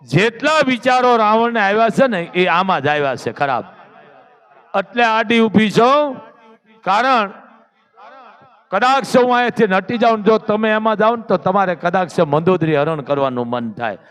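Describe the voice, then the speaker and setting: A man telling a devotional story in an animated, dramatic, lecturing way. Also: high-pitched, moderate pace, clear, resonant tone. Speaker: religious storyteller.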